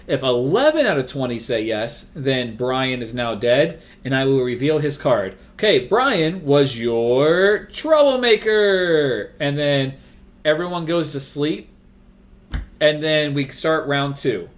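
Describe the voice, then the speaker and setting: A young man casually walking through how to moderate a party game, rambling and now and then bursting into loud acted-out announcements. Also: mid-range voice, animated, measured pace, muffled recording. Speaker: game moderator teaching a tutorial. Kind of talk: casual instructional talk.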